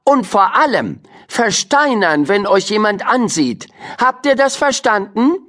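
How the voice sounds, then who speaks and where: A man's voice: high-pitched, very animated, a little slow, a bit bright, pitched above the performer's own voice, full character voice. A man doing a stern female schoolteacher. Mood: commanding. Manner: stern, commanding. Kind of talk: audiobook character voice.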